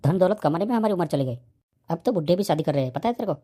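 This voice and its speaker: Woman playing old single cartoon guy, nags about marriage, talks super fast, low-ish. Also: animated, warm tone. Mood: defensive. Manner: fast, pestering, defensive. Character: aging unmarried man, fussing about marriage. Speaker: cartoon character. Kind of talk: comedy cartoon voice acting.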